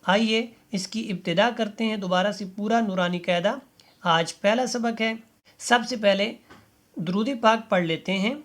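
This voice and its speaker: A man teaching a Quran reading lesson, drawing out each letter slowly and then explaining how to pronounce it, asking learners to repeat after him. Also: high-pitched, fairly bright tone. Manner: slow drawn-out letter recitation between explanations; patient instructive tone, asks learners to repeat. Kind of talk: step-by-step recitation lesson.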